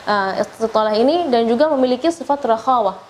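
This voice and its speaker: A woman with an Indonesian accent teaching recitation, giving feedback and over-enunciating her examples with slowly drawn-out syllables. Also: fairly high pitch, lively intonation, darkish tone. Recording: clear background noise.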